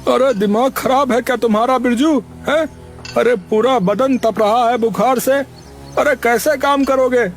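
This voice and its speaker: In a cartoon story, a man voices the boy's uncle, a caring, bossy middle-aged man, in an extremely high pitch and an unhurried pace, with faint music behind. Worried and fussy, the uncle keeps repeating "arre" over and over.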